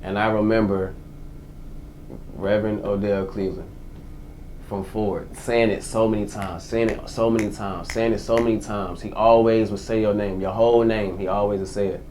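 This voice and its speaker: Twenties male interview guest, casual and slangy, low-pitched voice. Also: level tone, normal speed, darkish tone, slight background noise. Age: 20s. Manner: casual, slangy, repeats phrases. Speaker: guest, formerly incarcerated entrepreneur.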